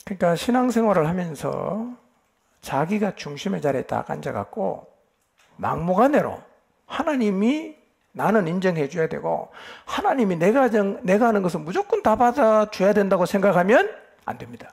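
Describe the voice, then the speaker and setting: A pastor's voice sits high and sounds very animated, creaky, darkish, and a little rough, at a moderate pace. Giving a Bible lecture to a church retreat congregation, he keeps addressing them directly, firing emphatic rhetorical questions and affirming with "yes."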